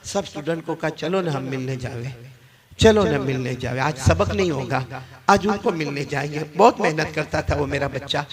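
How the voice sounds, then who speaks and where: A male preacher telling a story in a sermon, rising to shouted appeals and dropping to soft asides. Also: fairly high pitch, moderate pace. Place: gathering with a live audience. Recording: crowd audible behind.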